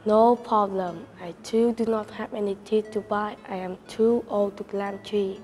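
A woman voicing a tired old man who only wants rest, speaking low and wearily. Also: steady tone, measured pace, a little mellow, faint music behind, close to an everyday voice. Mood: weary.

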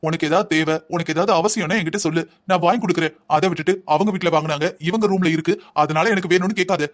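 A man's voice: sits high, fast, natural voice. Thrifty lecturing cartoon husband, voiced by a man. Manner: calm lecturing, explaining at length. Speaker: husband in a cartoon family drama. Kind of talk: Tamil cartoon voice acting.

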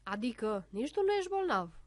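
A woman's voice: on the high side, big pitch swings, no echo. A woman reading a storybook aloud, voicing a boastful little boy who disguises his voice to play doctor and gives orders. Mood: reassuring. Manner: bossy, commanding.

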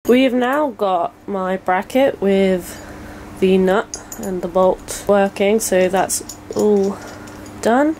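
A woman's voice: medium pitch, slow, darkish tone, low-quality recording. A young woman, vlogging casually while building a motorcycle in a cluttered shed, blunt and sweary, talking to herself as she works.

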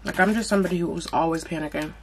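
A woman's voice: fairly low pitch, rapid-fire, a little hiss or hum. A young woman chatting casually while she eats on camera for a mukbang vlog, blunt and full of slang. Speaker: mukbang vlogger. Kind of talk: casual chat while eating. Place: at home.

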